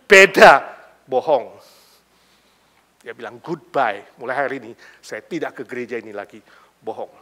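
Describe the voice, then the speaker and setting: A male pastor preaching a sermon and telling a story, moving between hushed asides and loud emphatic bursts, with casual slang mixed in. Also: a little high. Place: church sanctuary.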